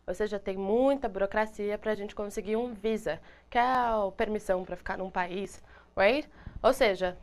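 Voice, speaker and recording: A Brazilian woman with a Brazilian Portuguese accent, an English teacher giving a lively video lesson and switching between Portuguese and slow, careful English examples. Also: medium pitch.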